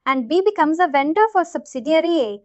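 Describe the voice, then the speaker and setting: A female software trainer walks learners through a concept step by step, repeating herself and frequently checking that they understand. Her high voice is brisk with lively intonation, and the recording is dry with the highs cut off.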